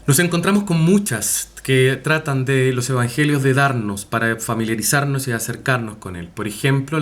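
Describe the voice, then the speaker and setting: Guy lecturing a class, lots of ehs and restarts, asks little tag questions, mid pitch. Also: fairly bright tone. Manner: hesitant, many fillers and self-corrections. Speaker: university lecturer. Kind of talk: recorded online class lecture.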